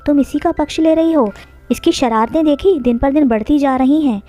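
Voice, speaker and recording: A woman's voice: high voice, normal speed, dark tone, faint music behind, voice pushed up, lightly acted. A woman voicing a stern, short-tempered village father who talks bluntly. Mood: scolding. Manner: scolding, blunt.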